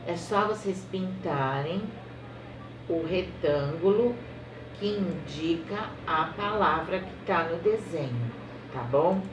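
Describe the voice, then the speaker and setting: Slow patient woman teacher, roomy sound. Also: on the low side, lively intonation. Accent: Brazilian Portuguese. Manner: slow, drawn-out word-by-word dictation; patient, explains step by step and checks in with "tá?". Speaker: primary school teacher. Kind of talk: recorded remote lesson for young children. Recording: roomy, a little distant, faint noise.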